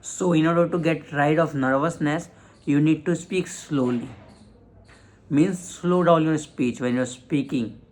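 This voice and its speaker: A man teaching communication skills in a motivational lesson, talking deliberately with pauses and restarts. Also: on the high side, a little mellow, low-quality recording. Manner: slow, deliberate delivery with frequent pauses and restarts. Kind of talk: motivational self-help lesson.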